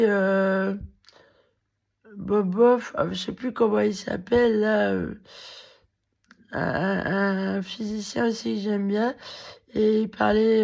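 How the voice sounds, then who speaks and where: A woman with a cracked, hoarse voice, rambling in a halting monologue to the camera, full of fillers and restarts. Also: medium pitch, darkish tone, muffled recording. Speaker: vlogger.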